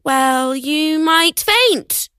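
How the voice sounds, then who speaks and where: A woman's voice: high-pitched, animated, drawn-out words, bright, forceful tone, no room sound, studio quality, pitched above the performer's own voice, exaggerated voice. A woman reading aloud and voicing an overprotective, fussy mother in a storybook. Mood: worried.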